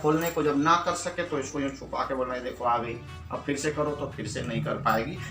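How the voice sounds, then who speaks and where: A man's voice: medium pitch, recorded from a distance. An Indian man giving a magic tutorial like a party magician, with showman patter, addressing viewers as friends. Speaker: magician demonstrating and selling magic tricks. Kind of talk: magic tutorial patter with counting and nonsense magic words. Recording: echoey room, off-mic, music behind.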